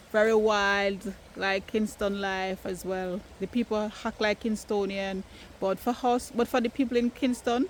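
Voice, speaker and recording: A Jamaican woman chats through her family vlog outdoors, emphatic and quick to argue her point in good humour. Her voice sits fairly high. Faint countryside ambience hums behind her. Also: a little hiss or hum. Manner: animated, emphatic, playfully argumentative. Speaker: vlogger. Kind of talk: casual family vlog chat.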